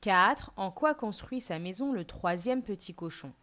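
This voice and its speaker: A woman teacher reading a fairy tale aloud for learners, then asking questions and reading a vocabulary list. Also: mid-range voice. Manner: clear, deliberate, expressive reading. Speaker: French teacher. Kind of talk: slow storybook narration and vocabulary lesson.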